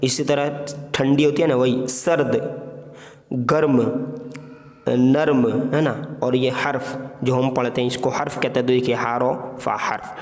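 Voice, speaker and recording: A man's voice: mid-range voice, flat delivery. A man teaching an online reading lesson, sounding out letters and words one at a time and checking in with short asides. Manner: slow, spells out letters one by one with "है ना" and "ठीक है" checks. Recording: echoey room with long reverb.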